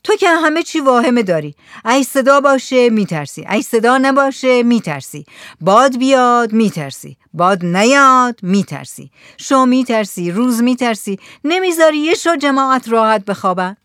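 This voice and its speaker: A man's voice: very high voice, big pitch swings, fairly bright tone, clear, resonant tone, no room sound, clean studio sound, voice pushed up, full character voice. A woman doing a mocking young villager. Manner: teasing, scornful.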